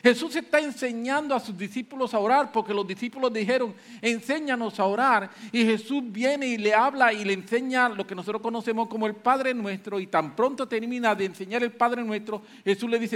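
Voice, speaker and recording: High-voiced preacher giving a sermon. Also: male voice, fairly quick, hardly any pauses, fairly bright tone. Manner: emphatic, repeats hallelujah.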